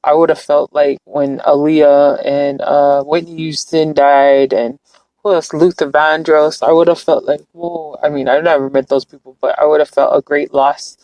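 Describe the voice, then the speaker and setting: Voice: medium pitch, level tone, moderate pace, a little mellow, no room sound, lo-fi sound. A live-streamer from California talking in a casual, earnest, reflective way, rambling with frequent restarts. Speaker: livestreamer.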